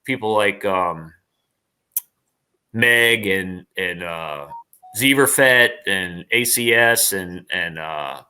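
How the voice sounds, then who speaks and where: A man with a deep, sharp-toned voice speaks slowly as a casual interview guest, an online performer who is enthusiastic and rambling and often repeats his phrases.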